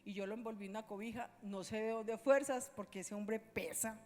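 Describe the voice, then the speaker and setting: A woman pastor preaching a sermon, telling a story with passion and moving between loud and hushed delivery. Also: medium pitch, steady tone, a little fast. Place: church. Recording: long reverb of a church hall.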